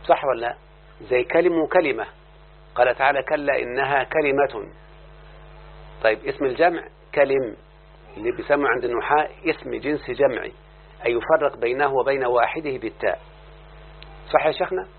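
Speaking a little fast in a mid-range voice and leaving long pauses, an Egyptian-accented teacher keeps putting questions to his listeners and waiting for replies. A faint hum sits under the thin, phone-like recording.

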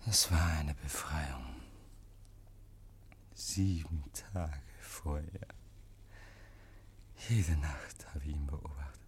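This noisy 1950s recording features a male actor in a German radio drama, giving a full character voice with a rumbling low register as a deranged, guilt-ridden murderer. He's haunted and insistent, stumbling over and repeating his words, alternating between breathless whispers and shrieks.

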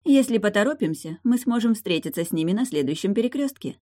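A woman's voice: medium pitch, animated, fast talker, dark tone, voice pushed up, close to an everyday voice. Woman reading a playful cheerful young woman. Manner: playful, friendly.

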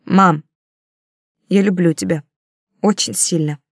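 A woman's voice: lowish voice, fairly even intonation, slow pace, slightly rough, no room sound, clean studio sound. A woman voicing a young boy who speaks in a plaintive, slightly sulky child voice. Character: young boy, missing his mother.

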